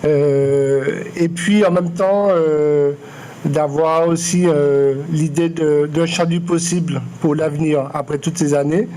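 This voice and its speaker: A man in his late forties from Martinique, an artist answering interview questions in a measured, hesitant way with many fillers and restarts. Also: a little high, steady tone, dark tone. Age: 40s. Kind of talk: public interview, hesitant and reflective. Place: lecture room.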